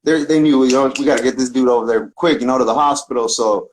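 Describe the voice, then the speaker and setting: A Bay Area man with a Northern California accent, a podcast guest and talkbox musician, tells his story casually and earnestly in loose street slang. His mid-range voice is fast with fairly even intonation, and the recording is rough.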